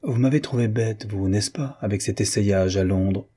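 A bashful young countess who hesitates over her words, read by a male narrator. The voice is low and dark and has a faint husky grain. It stays close to the reader's own plain voice. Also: normal speed. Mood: unsure. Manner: hesitant, soft-spoken. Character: shy, self-doubting young countess.

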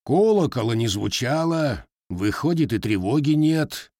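A man's voice: mid-range voice, lively intonation, unhurried, a little mellow, no echo, clean studio sound, pitched above the performer's own voice. A man doing a blunt, proud Cossack blacksmith. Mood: stern. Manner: curt, contemptuous.

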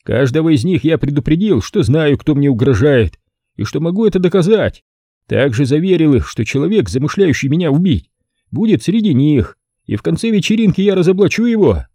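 A man's voice: on the high side, big pitch swings, a little fast, mellow, slightly rough, no echo, studio quality, voice pushed up. A man reading an audiobook, voicing a playful, boastful middle-aged club owner in a raised voice. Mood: gleeful. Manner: gleeful, condescending, boastful. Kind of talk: audiobook character voice.

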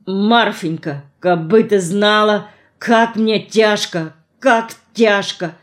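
A despairing young man, read by a woman narrator in an audiobook. He is normally calm and reserved, but here he speaks with anguish and pleading. The voice stays close to the reader's own. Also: medium pitch, slow pace, natural voice.

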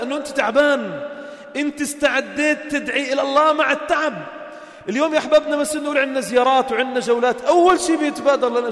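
A man's voice: very high-pitched, fairly bright tone. A man preaching to a gathering. He tells stories with acted-out dialogue and builds to emphatic appeals. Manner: storytelling, acts out quoted dialogue, builds to emphatic exhortation. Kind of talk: informal sermon to a gathering. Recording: echoey hall.

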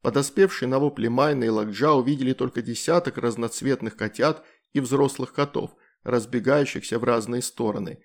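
A man narrates a fantasy storybook at an even, measured pace. His voice sits mid-pitch with a noticeable gravelly fry. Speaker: audiobook narrator.

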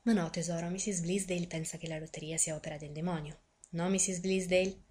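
A woman's voice: lowish voice, steady tone, brisk, a little mellow, lightly acted. A woman voicing a blunt, teasing male newsagent in a small village.

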